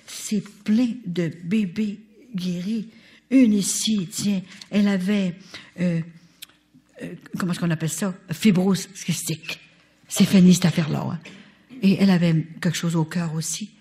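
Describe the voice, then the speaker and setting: An older woman with a Canadian French accent, telling a testimony at a religious retreat in an animated way and turning often to her listeners. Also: fairly low pitch, a little slow. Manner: animated, talks straight to the audience. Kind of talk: testimony storytelling.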